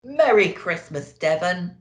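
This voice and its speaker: A woman voicing a kindly, jolly old Santa Claus in a storybook, with slow, hearty delivery. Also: fairly low pitch, animated, reverberant.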